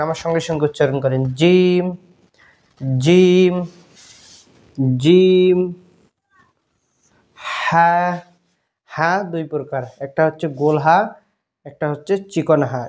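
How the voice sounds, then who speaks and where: A man teaching Arabic letter pronunciation, slowly repeating each sound many times in a patient, instructive drill. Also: fairly high pitch, darkish tone. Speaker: Quran teacher. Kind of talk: slow repetitive letter drill.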